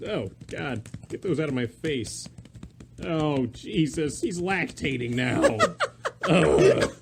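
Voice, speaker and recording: A man's voice: on the high side, animated, takes it slowly, gravelly, noisy background. Goofy young man joking on a podcast. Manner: goofy, laughing, absurd jokes. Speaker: podcast co-host. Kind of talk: casual chat.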